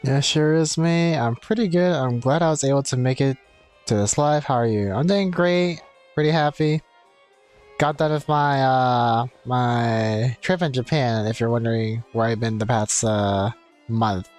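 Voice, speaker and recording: A man streaming a game talks in a loose, rambling way, chatting with viewers and reading game text aloud while game music plays. His medium-pitched voice is unhurried and darkish in tone.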